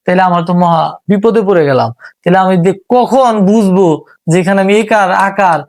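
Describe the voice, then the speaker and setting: A man's voice: high voice, brisk, darkish tone, dry recording. A man teaching English reading, patiently sounding out words syllable by syllable. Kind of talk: spoken lesson.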